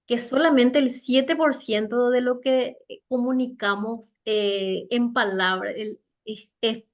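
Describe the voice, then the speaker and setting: A woman giving a conversational seminar talk on soft skills, chatty and halting, often tagging her points with rhetorical questions. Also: mid-range voice. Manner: chatty, with frequent rhetorical tag questions and light laughs; loose, halting delivery with many fillers and restarts. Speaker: speaker teaching soft skills for network marketing.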